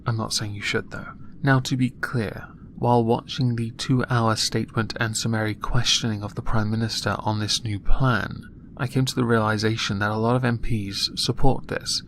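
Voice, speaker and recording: Man, low voice, monotone, annoyed political rant, faint background noise. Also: moderate pace. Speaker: political commentator. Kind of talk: opinion monologue.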